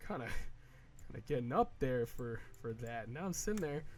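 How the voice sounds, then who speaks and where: Expressive and mid-range, this man's voice has slight background noise behind it. He's a gaming video creator in his early twenties, chatting casually as he plays, full of fillers, restarts, and swearing, with slow, drawn-out mock whining in quoted asides.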